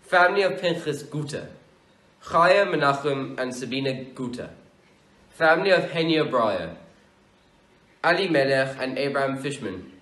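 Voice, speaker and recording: A young man from South Africa solemnly reading a list of names at a memorial, in a measured recitation. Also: mid-range voice, expressive, fairly bright tone. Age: young adult. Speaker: memorial reader. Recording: echoey room.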